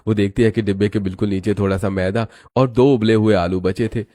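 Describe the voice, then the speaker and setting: A man narrating a cartoon story in a steady, even storytelling voice. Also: fairly low pitch, fairly quick.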